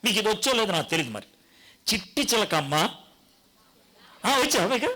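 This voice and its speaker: Male preacher, sermon, high lively voice, bright tone, storytelling. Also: very fast, a little hiss or hum. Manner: animated storytelling, acts out quoted voices. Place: church gathering.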